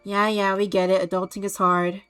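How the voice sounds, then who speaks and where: Woman streamer, snarky reaction commentary, mid pitch, faint music behind. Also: flat delivery, brisk, clear, resonant tone. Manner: snarky, dismissive, loud. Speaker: streamer reacting to a games showcase. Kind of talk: casual mocking commentary.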